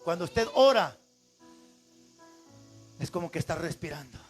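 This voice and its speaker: A male pastor preaching a sermon emphatically, repeating phrases and breaking into shouts. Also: on the high side, expressive, a little slow, faint music behind.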